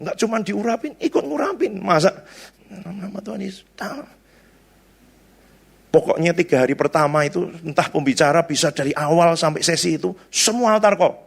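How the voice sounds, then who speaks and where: A man's voice: on the high side, moderate pace, vocal fry. A male pastor giving a conversational sermon, telling stories in a chatty way with frequent tag questions.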